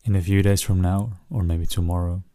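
In a low, dark male voice, a narrator guides a soothing relaxation like a sleep story, with short, gentle phrases separated by long pauses. His intonation stays fairly even, and the sound is close and dry.

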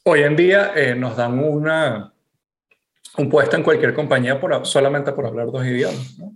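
A man from Venezuela with a Venezuelan accent, co-hosting a casual chat and telling stories with animated, casual swearing. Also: medium pitch, normal speed, roomy sound. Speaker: podcast co-host.

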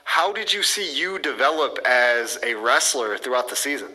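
An upbeat man hosting a casual sports podcast interview. His voice is very bright and forward, at an ordinary middle pitch. He keeps the talk easygoing and encouraging. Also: sing-song, normal speed, breathy edge, low-quality recording. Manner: upbeat, repeats "awesome" and "perfect". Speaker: podcast host.

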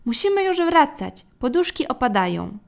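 A woman's voice: on the high side, sing-song, moderate pace, creaky. A woman voicing a cautious, grumbling father in a storybook, exclaiming fussily.

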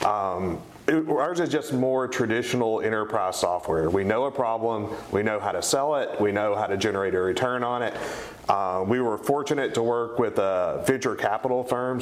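A middle-aged man with an East Tennessee accent, answering interview questions in a conversational way. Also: fairly low pitch. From East Tennessee, United States. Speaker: interview guest, company co-founder. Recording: roomy, echoing sound.

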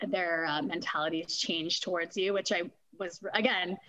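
A woman's voice: on the low side, normal speed, no room sound. Chatty Canadian woman guest. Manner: chatty, animated, laughs often. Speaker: guest, fitness testing company and former corrections supervisor. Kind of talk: casual interview storytelling.

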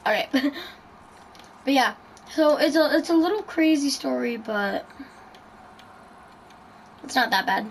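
A woman's voice: high voice, expressive, slow pace, gravelly, long pauses, slight background noise, rough recording. A woman hosting a casual podcast chat, rambling through her story with lots of ums and likes. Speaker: podcast host.

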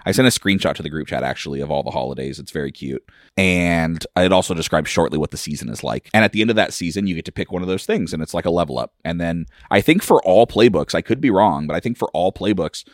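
A man's voice: low-pitched, lively intonation, fast, hardly any pauses, dry recording, clean studio sound. A man acting as game master, enthusiastically explaining the rules of a tabletop game.

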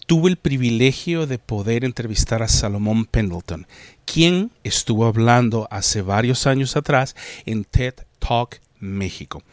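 A man hosting a podcast interview, joking and teasing his guest with quick banter. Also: mid-range voice, no echo. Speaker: podcast host. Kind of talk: casual interview chat.

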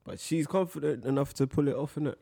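A man's voice: on the high side, fast, creaky, dark tone, breathy edge. A young man with a London roadman accent, co-hosting casual banter in a colloquial, questioning way. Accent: London, urban roadman slang.

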